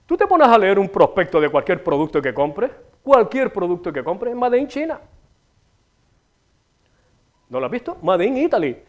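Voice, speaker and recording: A man's voice: high voice, sing-song, normal speed, long pauses. A middle-aged man with a Canarian Spanish accent, hosting a local TV show and delivering a rambling, swear-filled comic monologue with big gestures in a small studio. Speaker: TV show host. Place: small TV studio with a city backdrop.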